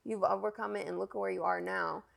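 A woman's voice: medium pitch, fairly even intonation, brisk, creaky, a bit bright. A woman podcast host asking questions in a supportive, chatty manner. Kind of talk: casual interview questions.

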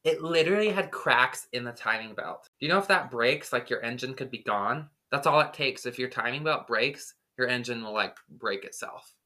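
A man's voice: medium pitch, animated, normal speed, few pauses, sharp tone. A man co-hosting a podcast, telling a long story in casual chat, full of "like" fillers. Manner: rambling, lots of "like" fillers. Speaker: podcast co-host.

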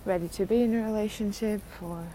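A woman's voice: mid-range voice, fairly quick, warm tone, slight background noise. A young adult woman hosting a podcast, rambling through a casual solo rant, mocking herself and laughing often. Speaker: podcast host.

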